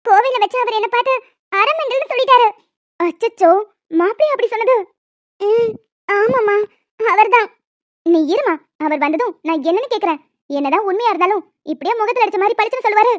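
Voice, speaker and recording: Woman voicing a squeaky young Tamil wife. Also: animated, a little fast, long pauses, dry recording. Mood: emotional chat. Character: young wife and women of a family. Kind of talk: homemade animated family story. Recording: dry, dull lo-fi home mic.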